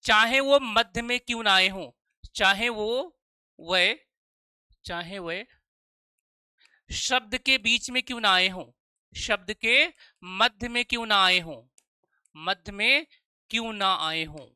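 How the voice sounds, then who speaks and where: A man teaching a live online exam-prep class. He keeps asking "okay?" to check that his students follow, calls them "children," and drills sounds slowly one at a time. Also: high-pitched, sharp tone, clear, resonant tone, no room sound, clean studio sound. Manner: calls students 'children' and 'dear'.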